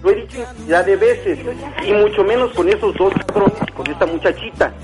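A man's voice: high voice, fairly quick, music in the background. A Mexican man on a phone call, stern and angry, repeating himself and swearing. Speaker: prank call target, a father. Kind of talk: phone call on a radio prank.

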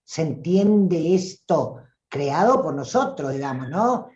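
A woman with a Rioplatense Spanish accent, a voice coach giving an animated live-streamed talk who acts out voices and calls listeners "tribu". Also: sits low, slow pace, roomy sound, dull audio.

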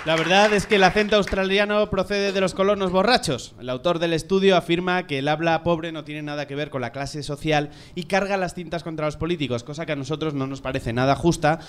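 A man's voice: fairly high pitch, a little fast, few pauses, fairly bright tone, clear, resonant tone. A man hosting a comedic news show, punning and laughing between segments. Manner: jokey, punning, laughs often. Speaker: host.

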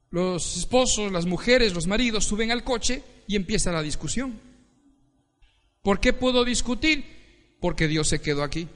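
A pastor from Ecuador preaching an animated sermon and calling on the congregation to repeat phrases after him. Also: male voice, high voice. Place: church hall with congregation. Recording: reverberant church hall.

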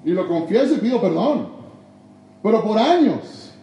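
Animated, dark-voiced man preaching in an echoey church. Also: sits high, measured pace. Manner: emphatic, swinging between loud exhortation and hushed confession. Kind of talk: sermon. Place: church sanctuary.

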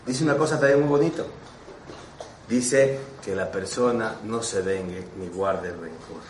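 A man preaches as a rabbi, telling animated stories and asking his listeners questions. His voice comes from some distance away in a roomy, echoing space. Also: lowish voice, a little slow, slight background noise. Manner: animated, storytelling, asks the audience questions. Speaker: rabbi teaching a class. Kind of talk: sermon with stories and rhetorical questions. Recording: echoey room, mic at a distance.

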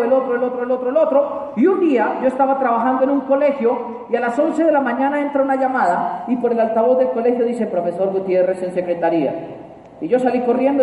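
A Colombian man telling a funny personal story to a live audience in a large hall, animated and emphatic and repeating key phrases. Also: extremely high pitch. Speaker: motivational speaker. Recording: echoey hall from far off, faint ambience.

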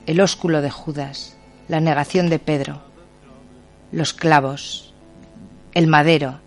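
A man recites poetry on the radio in a grave, deliberate cadence. His voice sits slightly high, and soft music plays faintly beneath him. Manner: measured, grave, deliberate reading. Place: radio studio. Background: faint music underneath.

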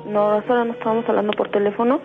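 A woman's voice: mid-range voice, little pitch movement, very fast, creaky, phone-quality sound. A young woman on a radio prank call, giving short, hesitant replies. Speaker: prank caller, the woman's daughter. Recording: radio broadcast with music behind.

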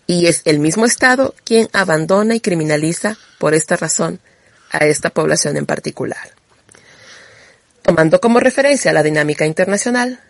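A woman radio host reading a scripted program in a steady, formal way. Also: low-pitched, dry recording.

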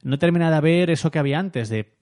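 A man's voice: on the high side, quick pace, a little mellow. A man in casual chat, wry and teasing. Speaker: co-host.

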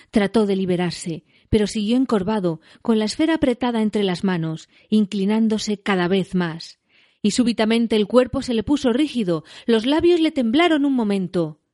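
A woman reading a novel aloud as scripted narration, measured and dramatic. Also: medium pitch, a little mellow, no room sound, studio quality. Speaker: story reader.

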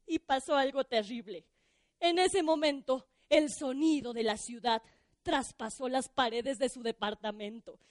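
A woman tells a children's story to a live audience, her voice high and animated. She keeps turning to the listeners with questions. The sound is dry and close. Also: measured pace, dry recording. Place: bookstore.

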